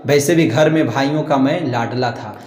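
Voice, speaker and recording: A man's voice: medium pitch, moderate pace, darkish tone. A man with a Bihari Hindi accent teaching students a literature chapter, reading passages aloud and then explaining them in simple words. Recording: echoey room with long reverb.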